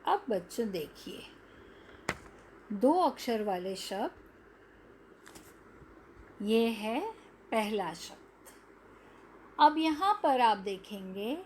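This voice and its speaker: A woman's voice: on the high side, darkish tone, a little hiss or hum. A woman teacher giving a language lesson to young children, stretching out each syllable.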